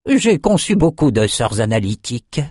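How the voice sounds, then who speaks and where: A man's voice: medium pitch, big pitch swings, normal speed, a little mellow, breathy edge, no echo, clean studio sound, voice pushed up. A man reading an audiobook, voicing a proud, centuries-old male sorcerer who shapes creatures. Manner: proud, eager, self-satisfied.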